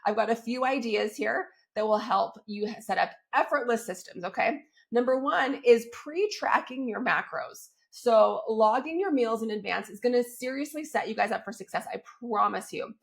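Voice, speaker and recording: Her voice crackly, gravelly and a little squeaky from a cold, a fitness coach hosts her solo podcast at a normal speed. The coaching talk is upbeat and chatty, peppered with check-ins like "right?" and "okay?"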